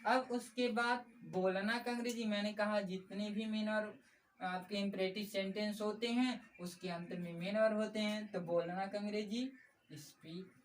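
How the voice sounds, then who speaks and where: A woman's voice: mid-range voice, steady tone, normal speed. Woman teacher explaining grammar step by step, repeats herself patiently, recorded a little off-mic with faint room noise. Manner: patient, repeats key points, addresses viewers as friends. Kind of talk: explanatory classroom lesson. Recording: slightly distant mic with faint background noise.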